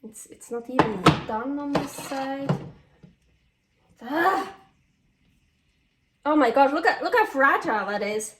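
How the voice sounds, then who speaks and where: Animated and high-pitched, she talks at normal speed with hardly any pauses, a Swiss cooking vlogger whose Californian English has a Swiss tinge. Unscripted at home, she rambles while cooking, self-deprecating and exclaiming each time something goes wrong. The mic is distant, the space roomy, and a faint noise sits underneath.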